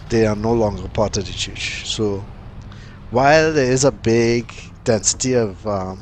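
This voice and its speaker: Man, casual vlog commentary, unhurried, filler-heavy, medium pitch. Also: a little hiss or hum. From Trinidad. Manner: unhurried, chatty, many fillers and pauses. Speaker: cycling vlogger.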